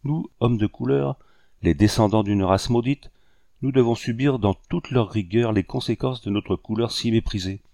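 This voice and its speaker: A proud, sorrowful commander of a colonial revolt, as a man reads him aloud. His speech is courtly and grave, in a low voice with a dry, close sound. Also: normal speed, creaky, warm tone, no room sound. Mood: grave bitterness.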